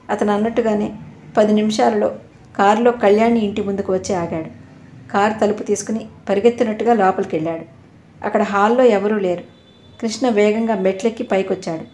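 Lady reading a novel aloud, steady, kinda echoey room. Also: mid-range voice, brisk, slight background noise. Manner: steady storytelling. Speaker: audiobook narrator. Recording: roomy echo.

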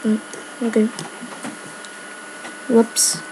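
A woman's voice: a little high, monotone, drawn-out words, noisy background. A woman giving casual gameplay commentary, rambling with lots of filler words. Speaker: gamer.

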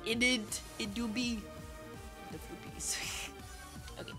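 Over loud music, a woman livestreamer speaks slowly in a fairly high, steady tone. She sounds nasal and congested from being ill, but stays giggly, affectionate, and playful as she chats casually with viewers.

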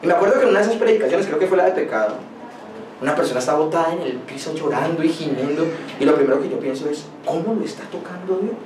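A man preaching a sermon in a high, ringing voice, pressing his points with rhetorical questions and stories from his own ministry. He sounds set back from the mic in an echoey church hall. A faint hiss of noise sits under his voice. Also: very fast, far from the mic. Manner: emphatic preaching with rhetorical questions and personal anecdotes. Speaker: pastor.

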